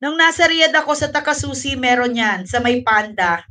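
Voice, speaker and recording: A woman's voice: high voice, animated, moderate pace, pushed and bright, recorded from a distance. A woman hosting a casual livestream, out of breath, chatty and thanking viewers, mixing English into her talk. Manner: mixes English into Tagalog. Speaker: livestream host.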